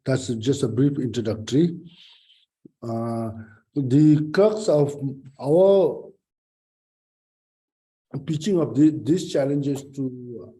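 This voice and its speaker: A man speaks on a video call with a deeply mellow, relaxed tone. He pitches a project in halting sentences, often stopping to correct himself. His voice sits at an everyday middle pitch. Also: rough recording. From Bhutan. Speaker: training center principal.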